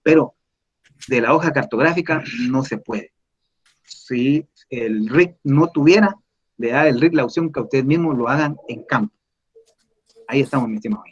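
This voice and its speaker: A man teaching surveying in an online class, explaining slowly and patiently over a video call. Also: medium pitch, breathy edge, lo-fi sound. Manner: slow, explanatory, addresses listeners as "mis estimados". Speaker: surveying instructor answering questions.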